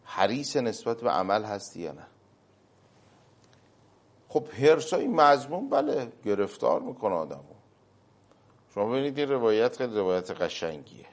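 A man giving a religious talk, quoting Arabic phrases slowly with emphasis and acting out short stories. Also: on the low side, sing-song. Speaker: cleric.

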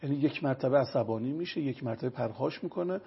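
A man consulting on traditional medicine, lecturing with everyday examples in an interview. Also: mid-range voice. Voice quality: gravelly and raspy. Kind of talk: explanatory interview talk. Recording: dull lo-fi recording.

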